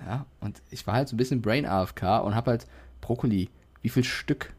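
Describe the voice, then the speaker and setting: A man's voice: medium pitch, brisk, darkish tone, breathy edge. Self-mocking man telling anecdotes. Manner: self-mocking anecdote teller, laughs a lot. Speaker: podcast co-host. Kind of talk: casual chat.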